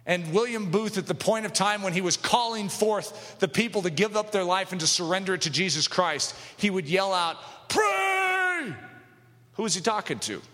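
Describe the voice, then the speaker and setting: A man preaching an impassioned sermon, swinging from loud, high exhortation down to low, hushed drops and asking the listeners direct questions. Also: fairly quick, hardly any pauses. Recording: long hall reverb.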